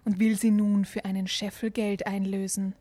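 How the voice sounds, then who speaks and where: A woman's voice: mid-range voice, level tone, moderate pace, mellow, no echo, lightly acted. A woman voicing a greedy, violent peasant man who speaks bluntly.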